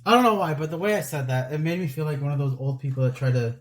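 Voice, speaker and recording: A man's voice: a little high, fast talker. A man in his late twenties chatting casually while building a model set, rambling, laughing at himself, breathing audibly into the mic. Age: 20s. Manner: rambling, self-deprecating, laughs often; soft, breathy close-mic talk. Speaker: Lego building vlogger.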